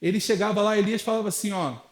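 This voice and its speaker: A young man from Brazil preaches a sermon with a high-pitched voice. He talks to the congregation like a friend and briefly plays the people he quotes. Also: quick pace. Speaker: pastor.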